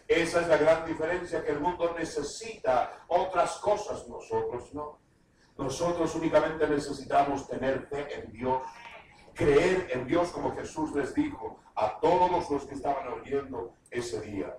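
A man preaches a fervent sermon with a high voice, reading scripture slowly and raising it to a shout to drive points home. He sounds far from the mic, in a very echoey room with faint background noise. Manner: fervent preaching, reads scripture aloud with bursts of shouted emphasis.

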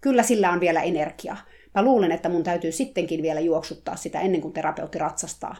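A woman voicing a bossy head horse trainer who shouts orders loudly. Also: lowish voice, natural voice. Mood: barking orders. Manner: loud, commanding shouts.

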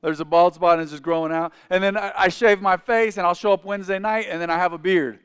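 With a high, clear and resonant voice, a man in his forties preaches fast in a church sanctuary, keeping his intonation fairly even. He calls for the congregation to repeat phrases, and the large hall adds a long reverb.

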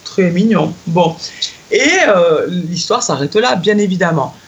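A middle-aged woman telling a personal anecdote in casual chat, laughing often and acting out the quotes with excitement. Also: lowish voice, a little slow, highs cut off. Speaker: guest telling a personal story.

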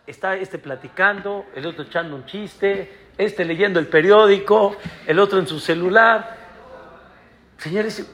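A man preaches as a rabbi in a strikingly high, bright voice with a gravelly edge. His sermon moves at an unhurried, deliberate pace, full of emphatic rhetorical questions to the congregation.

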